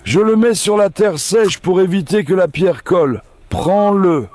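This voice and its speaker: A man's voice: sits high, a little slow, a little mellow, no echo. A man breeding dogs, talking casually as he feeds them outdoors, calling each one with coaxing, affectionate words. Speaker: dog breeder feeding his dogs. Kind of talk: casual vlog narration while feeding dogs. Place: outdoor farm with dog kennels.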